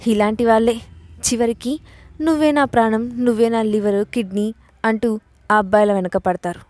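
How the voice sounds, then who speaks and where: A woman's voice: a little high, steady tone, normal speed, darkish tone, natural voice. A woman voicing an arrogant young husband who is short-tempered and teasing, in a bossy, teasing manner.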